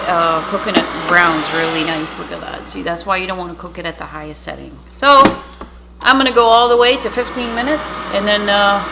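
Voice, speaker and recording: Heavy background noise surrounds this low-voiced woman, a French-native cooking YouTuber. She rambles chattily through an air-fryer demo at home in her kitchen, breaking off her own sentences.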